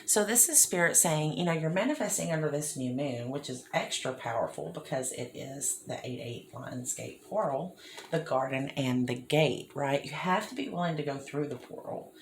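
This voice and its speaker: A woman's voice: sits low, animated, normal speed, slight background noise. A woman giving a casual tarot reading, chatty and often checking in with the listener. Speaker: tarot reader. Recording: echoey room.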